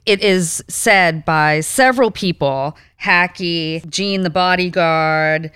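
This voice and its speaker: A woman co-hosts a casual chat with a low, smooth, clear voice. She talks in a loose, chatty way and swears now and then. The sound is dry and close. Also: slow pace, a bit bright, no echo. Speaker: podcast co-host.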